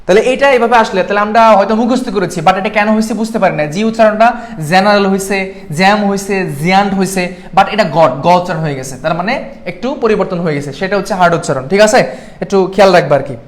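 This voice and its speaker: A young man from Bangladesh tutoring students in a live online class, asking them questions and checking in with them often. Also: sits high. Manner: quick, keeps checking in with the class. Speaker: admission exam tutor.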